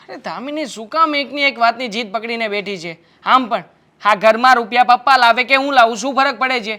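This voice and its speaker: A man's voice: extremely high pitch, fairly quick, bright, forceful tone. A young husband in a family drama film, easygoing and dismissive. He answers in a defensive, coaxing manner, brushing aside his wife's worries. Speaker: actor as the husband. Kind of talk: Gujarati short film acting.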